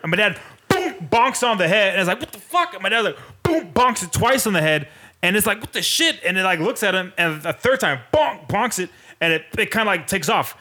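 A man's voice: high voice, expressive, brisk, bright, forceful tone. A young man co-hosting a casual podcast, telling a laid-back, profane story and doing little voices for the people and animals in it. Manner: laid-back storyteller, does funny voices for animals and his dad, lots of swearing. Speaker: podcast co-host. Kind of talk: casual chat.

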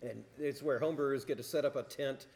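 A man's voice: mid-range voice, fast, creaky, a little mellow. Teasing male brewer guest, reverberant. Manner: teasing, jokey. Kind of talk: casual interview. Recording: long reverb.

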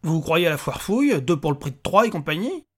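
A touchy little bearded imp rants and grumbles in a raised, husky voice, as a male narrator puts him on. He is sarcastic and quick to take offence, pushing his pitch up when riled. It is a character voice in a storybook reading. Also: expressive. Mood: indignant. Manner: irritable, sarcastic, ranting. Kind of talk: audiobook character voice.

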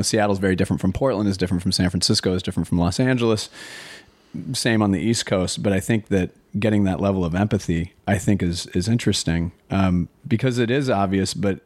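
A man's voice: low voice, a little mellow, no echo. A man from Minnesota hosting an interview, talking in an easygoing, affirming way. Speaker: interview host. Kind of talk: conversational interview.

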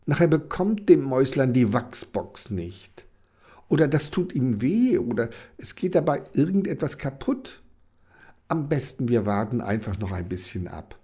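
A man's voice: mid-range voice, big pitch swings, a little slow, mellow, slightly rough, pitched above the performer's own voice, heavily acted. A man voicing a caring, stubborn young girl in a children's storybook, in a raised, sweet voice. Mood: worried.

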